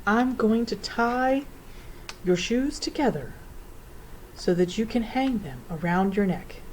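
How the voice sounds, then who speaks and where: A woman voicing a fussy, flustered old male professor in a storybook reading, with excitable old-fashioned exclamations. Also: mid-range voice, normal speed, a little hiss or hum, close to an everyday voice, poor audio. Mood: hushed.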